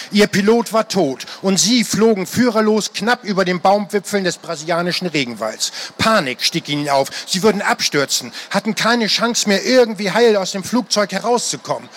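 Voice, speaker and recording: A man's voice: high-pitched, moderate pace, a bit bright. A man reading an adventure novel aloud to an audience, telling it dramatically. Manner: dramatic storytelling, acting out the characters.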